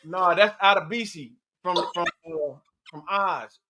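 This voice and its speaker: A man's voice: high-pitched, unhurried, background noise. A man, chatting casually and joking among friends on a podcast, with loose profane slang. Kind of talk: casual chat.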